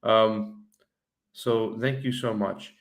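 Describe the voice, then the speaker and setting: A man's voice: fairly low pitch, steady tone, drawn-out words. A man co-hosting a live stream in informal, casual chat, his voice muffled by the microphone.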